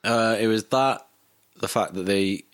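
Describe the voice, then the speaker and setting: A young adult man, born in Greece and from Cardiff, Wales, chats casually and informally as an interview guest, recalling his life with some swearing. His voice is lowish, smooth and a little slow. The recording is dry.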